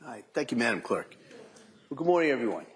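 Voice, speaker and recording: Halting American man speaking as judge. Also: medium pitch, very animated. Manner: halting, courteous. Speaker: judge presiding over a trial. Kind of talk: informal explanation from the bench. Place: courtroom.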